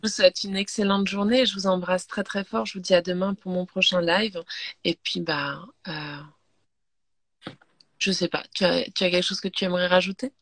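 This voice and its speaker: A woman hosting a daily live video interview, hoarse and losing her voice, thanking her guest with some hesitation. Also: on the low side, fairly even intonation, moderate pace, dry recording. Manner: grateful, warm sign-off, hesitant.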